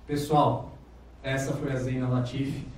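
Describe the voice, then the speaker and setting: A man hosting a live event gives polite, thankful closing remarks, a little halting, in an event hall. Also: mid-range voice, level tone, very noisy. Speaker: event host. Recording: very echoey hall, distant mic.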